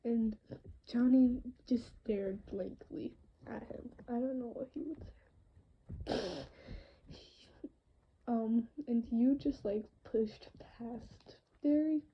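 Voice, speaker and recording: A woman's voice: fairly high pitch, slow pace, long pauses, muffled recording, slight background noise. A woman improvising a listener role-play story at home into a phone, rambling with many fillers and sometimes dropping into a whisper. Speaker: voice actor.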